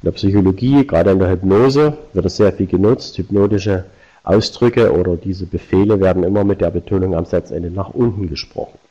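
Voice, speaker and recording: A man's voice: low-pitched, brisk, dark tone, highs cut off. A man presenting a live online seminar, explaining points directly to his viewers. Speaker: webinar presenter.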